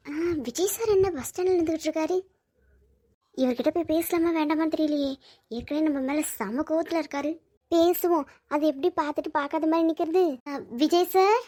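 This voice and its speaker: A feisty young housemaid in a cartoon, voiced by a woman, pitched very high and squeaky. She scolds and pleads with quick-tempered boldness. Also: dark tone, close to an everyday voice. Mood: chatty. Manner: scolding, pleading, then panicky. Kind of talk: cartoon voice acting.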